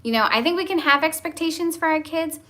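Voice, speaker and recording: A woman's voice: sits high, quick pace, bright, forceful tone. A young woman, a homeschooling mom, chatting candidly from home and laughing now and then as she tells family stories. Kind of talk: casual chat.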